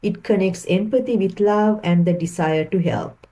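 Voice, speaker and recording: A woman guides a meditation in a mid-range voice, her gentle, soothing delivery unfolding at an unhurried pace.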